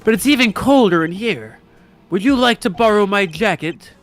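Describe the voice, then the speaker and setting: A man voicing a dry, sarcastic young male investigator in an improvised comedic fan dub, deadpan and teasing. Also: high-pitched, normal speed, music in the background.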